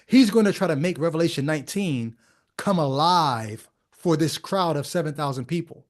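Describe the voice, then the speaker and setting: A man's voice: a little high, animated, normal speed. A man hosting a podcast, commenting on a sermon clip in a wry, sarcastic way. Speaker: podcast host. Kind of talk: casual commentary.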